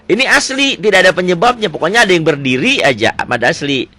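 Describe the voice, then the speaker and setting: A man teaching Quran recitation, quizzing a student with quick questions, repeating answers and reciting verses slowly. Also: sits high, big pitch swings, sharp tone. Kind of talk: Quran reading lesson with a child.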